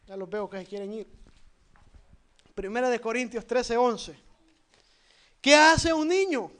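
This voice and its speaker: A Salvadoran man preaching in a strikingly high voice. He fires questions at the congregation one after another, swinging from soft asides to loud emphasis. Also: unhurried, clean tone. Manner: lively, shifts between loud and soft. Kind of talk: sermon.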